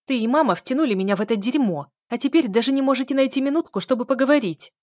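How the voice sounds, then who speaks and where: A woman reading an audiobook voices a furious young woman, shouting bitter and sarcastic lines. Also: mid-range voice, expressive, normal speed, dry recording, clean studio sound, pitched above the performer's own voice, close to an everyday voice.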